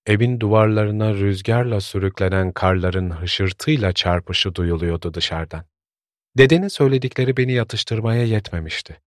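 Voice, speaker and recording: A man narrating a story in a calm, measured storytelling voice. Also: lowish voice, no room sound, studio quality.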